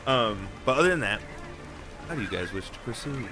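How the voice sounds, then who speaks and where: A man narrating a tabletop game as game master, relaxed and rambling. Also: mid-range voice, brisk, soft background music.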